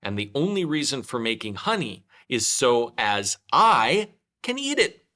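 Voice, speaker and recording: A man's voice: mid-range voice, very animated, measured pace, bright, forceful tone. A man voicing a simple, ponderous, honey-loving storybook bear who muses earnestly and repeats himself. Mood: musing.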